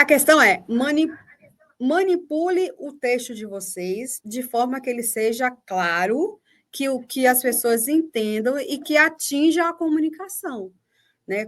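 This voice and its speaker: A woman's voice: high-pitched, fairly bright tone. A Brazilian woman, a teacher and mentor, explaining a point in an online workshop and often checking that listeners follow. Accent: Brazilian Portuguese. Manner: explanatory, checks understanding with rhetorical questions. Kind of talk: online workshop talk answering a question. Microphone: video call.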